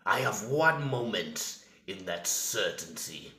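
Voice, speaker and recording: A menacing male Death, a grandiose villain who taunts mortals. The delivery is extremely slow, with a very forceful, sharp edge. It sounds theatrical, in a roomy, echoing space. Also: on the low side, big pitch swings. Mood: scornful. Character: Death, menacing male soul-eating entity sneering at mortals.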